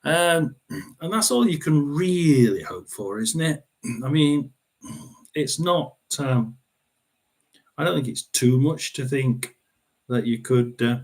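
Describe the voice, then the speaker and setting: A middle-aged man hosts a football watchalong in a loose, casual way. He rambles along with plenty of fillers and keeps clearing his throat between thoughts. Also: mid-range voice, expressive, slow pace, long pauses, darkish tone. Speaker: watchalong host. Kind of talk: casual live football commentary.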